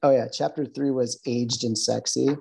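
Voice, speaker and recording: Easygoing Midwestern guy, husky and dark-toned, rambles through stories on a podcast. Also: mid-range voice, steady tone, normal speed, low-quality recording. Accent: Midwestern American. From American Midwest. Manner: loose, rambling, lots of fillers and restarts. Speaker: podcast guest, bartender. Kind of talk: casual interview chat.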